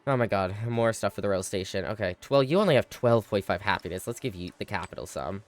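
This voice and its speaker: This strategy-game streamer is a fast talker with a fairly low, expressive voice. He chats casually with viewers and thinks aloud with frequent exclamations, but he's yawning and sounds a little tired.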